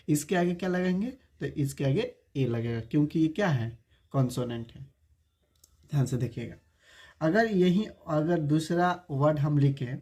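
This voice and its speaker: In an online spoken-English class, the male teacher spells words out slowly, one letter after another, and quizzes the audience with rhetorical questions again and again. The voice is a little high and dark in tone.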